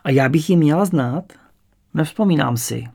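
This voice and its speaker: A man's voice: on the high side, animated, vocal fry, a little mellow, husky, heavily acted. A man voicing a suspicious, haughty, heavily made-up old woman with prim, formal politeness in an audiobook.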